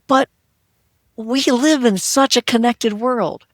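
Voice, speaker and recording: A woman's voice: a little high, slow, no echo. Earnest woman podcast host, dry sound. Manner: earnest, repetitive "we want to" phrasing, acts out quotes. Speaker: podcast host, healthcare worker. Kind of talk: conversational interview.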